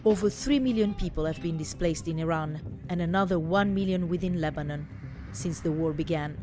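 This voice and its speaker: A woman's voice: fairly low pitch, a little fast, music in the background. A woman reporter reading a scripted news voice-over.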